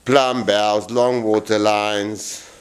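A man's voice: lowish voice, drawn-out words, clear, resonant tone. A man in his forties giving a rambling, blunt workshop tour in a large wooden boat shed, filming himself with a handheld camera. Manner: rambling, blunt and animated, with many restarts. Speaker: boatbuilder vlogger. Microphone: handheld camera at arm's length.

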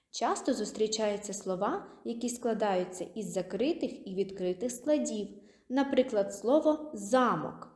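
A woman teaching young children a literacy lesson, sounding out words slowly and clearly in an encouraging teacher's way. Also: a little high, a little mellow. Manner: slow, clearly syllabled, encouraging teacher talk. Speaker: kindergarten teacher. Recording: echoey room.

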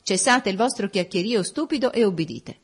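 A woman's voice: fairly low pitch, expressive, a little fast, darkish tone. A woman reading an audiobook voicing a haughty, commanding young noblewoman. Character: imperious proud young noblewoman.

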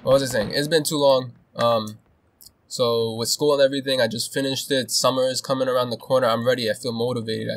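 A young man talks through his own game play in casual commentary, excitable and quick to swear. He drops to nervous muttering and then bursts out loud. His voice sits in a middle range over a faint steady hiss. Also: medium pitch. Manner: excitable, swearing, shifts between hushed nervous muttering and yelling. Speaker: gaming video host.

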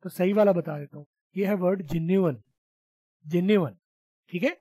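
A man's voice: high voice, fast, mellow, breathy edge, no room sound. A man teaching spoken English in an online class, patiently explaining and repeating sounds for students to copy. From Pakistan. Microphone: video call.

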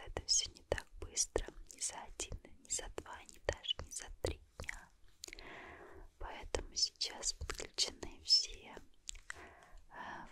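A tired young woman chatting in a gentle, breathy whispered murmur, ASMR style, very close to a condenser microphone. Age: young adult. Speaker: ASMR host. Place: small dim room, lying on a pillow. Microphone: large condenser mic very close to mouth.

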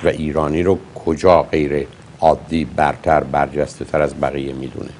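A man's voice: very deep voice, little pitch movement, a little mellow, a little hiss or hum. A man hosting a call-in advice show as a psychologist, blunt and lecturing with his caller. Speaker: psychologist host.

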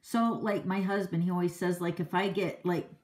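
A woman's voice: on the low side, steady tone, normal speed, a little mellow. A middle-aged woman hosting a card-making livestream, chatting casually with viewers in a boisterous, outspoken way and laughing often. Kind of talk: casual live-stream chat.

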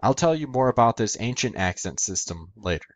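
A man's voice: medium pitch, very animated, fairly quick, dry recording. A man hosting an educational video, narrating a methodical scripted explanation step by step.

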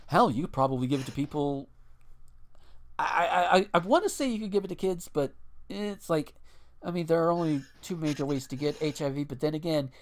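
A man with a rather high voice talks fairly fast while co-hosting a casual podcast. He curses freely and rants bluntly, restarting his sentences, and occasionally reads a news piece aloud.

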